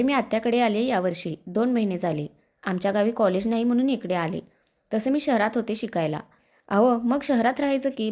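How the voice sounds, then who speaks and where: A woman's voice: mid-range voice, darkish tone. A woman reading a village story aloud, voicing every character herself in her own voice with dialect dialogue. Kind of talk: scripted story narration with dialogue.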